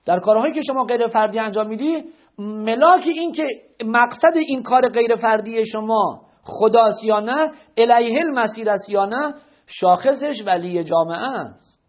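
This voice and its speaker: A man lectures on religion in a high, husky voice, pressing his listeners with question after question. His teaching tone is didactic and rhetorical. The recording is dull and lo-fi. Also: expressive.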